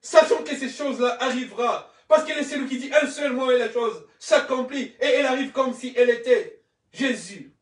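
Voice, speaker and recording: A man from Congo preaching an impassioned sermon as a pastor, fervent and often shouting in repeated declarations. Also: extremely high pitch, normal speed, echoey room, distant mic. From Congo (DRC).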